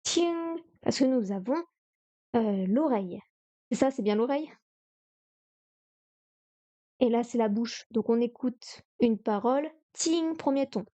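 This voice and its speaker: A woman's voice: fairly high pitch, normal speed, mellow. A woman on a live stream studying Chinese vocabulary, repeating words, counting strokes aloud and chatting to herself as she goes.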